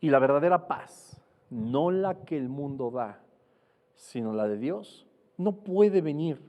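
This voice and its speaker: A man's voice: mid-range voice, dark tone, big-room sound. A man preaching a sermon, teaching earnestly and asking rhetorical questions.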